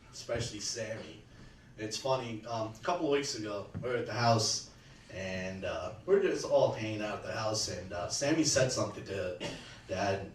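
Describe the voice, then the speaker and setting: A man speaking at a memorial in earnest, halting sentences with many restarts, remembering his late father-in-law. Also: on the low side. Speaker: eulogy speaker, son-in-law. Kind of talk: personal remembrance speech. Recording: echoey room, distant mic, faint background hum.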